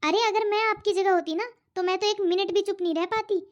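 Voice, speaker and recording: A spirited young cartoon daughter, voiced by a woman, arguing back in a very high voice. The sound is muffled and lo-fi. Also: steady tone, fairly quick. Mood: protesting. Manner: protesting, argumentative. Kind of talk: cartoon voice acting. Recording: dull lo-fi audio.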